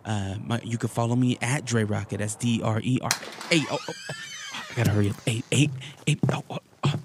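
A man doing a comic promo skit as a hostage sneaking out a message, hesitant and hurried. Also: mid-range voice, steady tone. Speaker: podcaster in a promo. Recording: clear background noise and ambience.

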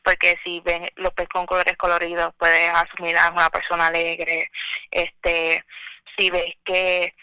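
A woman's voice: fairly low pitch, monotone, unhurried, pushed and bright, clear, resonant tone, no echo, low-quality recording. A young adult woman chatting casually as a guest over the phone, dropping English words into her Spanish. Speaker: podcast guest. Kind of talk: casual chat.

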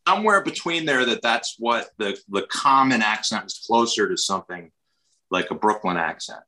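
Bright-voiced rambling American man. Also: fairly low pitch, lively intonation, moderate pace, poor audio. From Westchester, New York, USA. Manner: rambling, many restarts and fillers. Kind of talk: casual chat.

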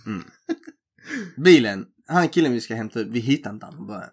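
A man's voice: medium pitch, husky. Man telling a story. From Helsingborg, Sweden. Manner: animated anecdote-telling, acts out quoted voices. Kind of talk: casual chat.

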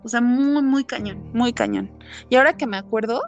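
Woman, Mexican accent, fairly high voice, chatty spooky storytelling, lots of fillers, faint music underneath. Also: moderate pace, muffled recording. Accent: Mexican Spanish. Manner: animated, many fillers, acts out quotes. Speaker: guest telling ghost stories. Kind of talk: casual storytelling chat.

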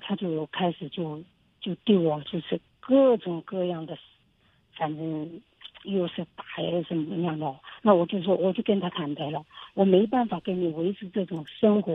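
Gravelly-voiced woman calling in, halting, repeats herself, dry phone sound. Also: fairly low pitch, no echo. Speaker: caller. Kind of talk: call-in advice talk. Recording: phone line.

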